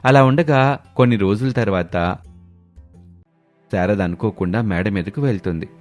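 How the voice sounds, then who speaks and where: A man narrating an animated family story in a steady, even storytelling manner. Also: lowish voice, normal speed, soft background music.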